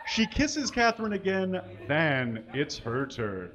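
Slow and deliberate, a man with a somewhat high voice and large pitch swings performs a comic dramatic reading of fan fiction, spelling out its errors and punctuation in an overblown, mock-serious way. He's at a microphone on a stand on a small indoor stage with curtains, with an audience watching live. The sound is lo-fi.

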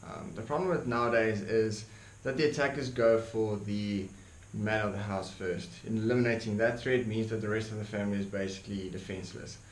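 A young South African YouTuber with an Afrikaans accent delivers an earnest opinion monologue to camera, his lowish voice steady and brisk. He uses lots of ums, repeats words, and gestures with his hands while seated by a desk in a dark room. The room echoes and carries a faint hiss.

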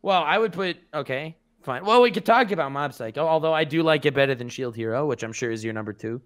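A man's voice: a little high, lively intonation, fast talker. A man hosting a casual podcast chat, teasing and sarcastic.

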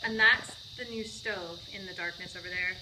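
A chatty, playful woman in her thirties gives a casual vlog tour of her empty new house, holding a phone camera at arm's length. Her voice sits on the low side, with a steady tone and normal speed. The large, empty indoor room echoes, and there's noise in the background.

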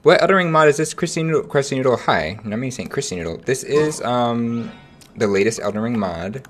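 A young man streaming a game, chatting casually with viewers in an animated, slangy way. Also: medium pitch, moderate pace, soft background music. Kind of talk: casual livestream chat.

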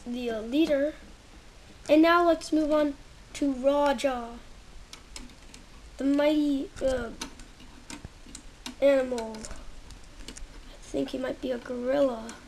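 A toy reviewer with a high, somewhat mellow voice talks casually at home, pausing to find her words and sometimes nearly whispering while she handles pieces. It's recorded on a close handheld camera, with slight background noise.

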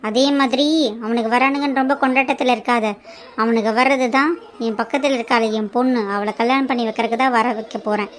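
A woman's voice: a little high, steady tone, fast talker, lightly acted. A woman voicing a harsh, scheming middle-aged stepmother who scolds and threatens in a cartoon. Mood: threatening. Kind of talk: cartoon voice acting.

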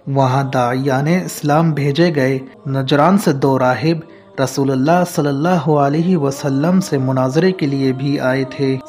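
Slow, measured man narrating. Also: medium pitch, a little mellow. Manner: measured, formal storytelling. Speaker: religious narrator. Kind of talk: scripted religious narration. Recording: faint background music.

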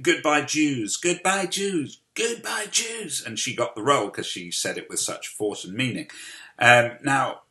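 Man, host, commentary, bright tone, low voice, measured pace with ums. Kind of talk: commentary on comedy clips.

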